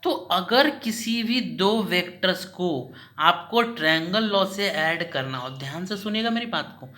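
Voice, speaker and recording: A man teaching a recorded lesson in a bright, slightly tense voice. He goes slowly and repeats each point, firing off questions and answering them himself. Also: high voice, lively intonation. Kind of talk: recorded class lecture.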